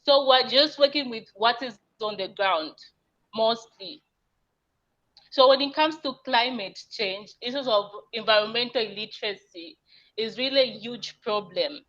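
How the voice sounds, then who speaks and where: A woman's voice: on the high side, unhurried, fairly bright tone. A woman from Zambia, an agriculturalist, explaining her work earnestly as a guest on an online panel. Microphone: video call. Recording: dull lo-fi video call audio.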